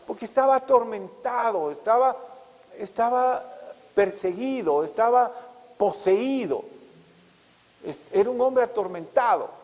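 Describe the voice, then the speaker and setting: A male pastor preaching a sermon, asking rhetorical questions and rising loud and high for emphasis. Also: long reverb tail, low-quality recording.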